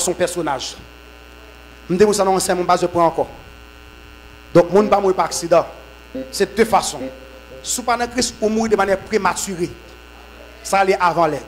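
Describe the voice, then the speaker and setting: A man preaches a sermon. His voice sits high for a man. He swings from shouted, fervent bursts to lower, quieter teaching. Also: moderate pace, long pauses, slight background noise, low-quality recording. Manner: shouts in fervent bursts with repeated amens, drops low when teaching. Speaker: apostle preaching at a conference.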